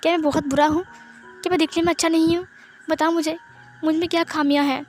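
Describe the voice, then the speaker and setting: A woman's voice: extremely high pitch, flat delivery, fast, a little mellow, faint music behind, pitched above the performer's own voice. A woman reading as a lovesick, pleading young woman. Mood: insistent. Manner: pleads and presses with repeated questions.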